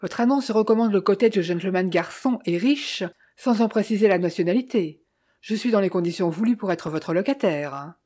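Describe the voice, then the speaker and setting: A woman's voice: mid-range voice, expressive, moderate pace, dark tone, lightly acted. Earnest rich Frenchman, read by a woman. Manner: serious, earnest tone. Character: wealthy young French gentleman, curious and firm.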